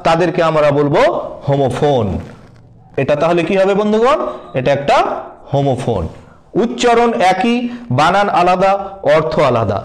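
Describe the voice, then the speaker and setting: Man, high pitch, grammar teacher, repetitive, spells words out, calls viewers friends. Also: poor audio. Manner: repetitive, spells words out letter by letter, slow deliberate emphasis. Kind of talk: spoken lesson explaining word meanings.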